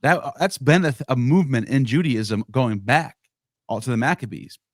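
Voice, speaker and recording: Speaking in bursts with lots of restarts, a man works through his thoughts in a casual podcast discussion as a co-host or guest. He has a mid-range voice with lively intonation at a moderate pace. The recording is dry and clean, from a studio.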